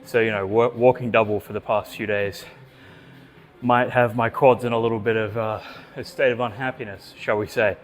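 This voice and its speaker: A man's voice: fairly low pitch, steady tone, moderate pace, faint music behind. A man vlogging his gym workout in a casual, sweary chat, out of breath between sets, recorded in an indoor gym. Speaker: fitness vlogger. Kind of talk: casual gym vlog narration.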